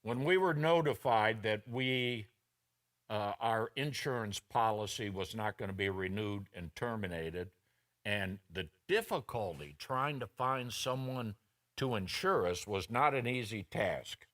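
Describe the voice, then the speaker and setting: A man's voice: fairly low pitch, measured pace, a bit bright. A middle-aged man preaching a personal, story-driven sermon as a pastor in a church, acting out the voices of people he quotes. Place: church sanctuary.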